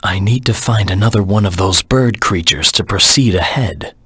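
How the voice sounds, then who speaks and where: A dark, vengeful hedgehog anti-hero from a video game. His voice is low and very husky, with a gritty rasp and a dry, close sound. He speaks in grim, terse, dramatic phrases, brooding throughout. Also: normal speed, no room sound, full character voice. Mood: brooding, questioning.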